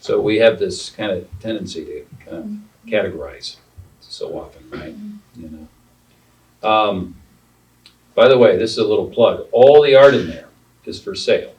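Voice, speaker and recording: A man with a fairly low, darkish voice interviews artists on a panel in an art center gallery room, speaking at normal speed with long pauses. He is the founder of the arts organization and keeps things chatty, explaining with asides. The distant mic picks up faint room noise.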